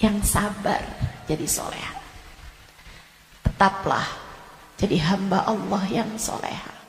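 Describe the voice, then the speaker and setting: A woman's voice: mid-range voice, slow pace, vocal fry, slight background noise. Impassioned woman preacher, echoey hall. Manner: impassioned, voices imagined complainers, builds to shouting. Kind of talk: sermon.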